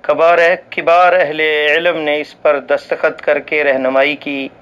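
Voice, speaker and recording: Smooth-voiced man reading a religious ruling. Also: a little high, fairly even intonation, lo-fi sound. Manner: formal and measured, with occasional slips and restarts; recites Arabic scripture passages. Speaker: voice-over reader for a religious channel.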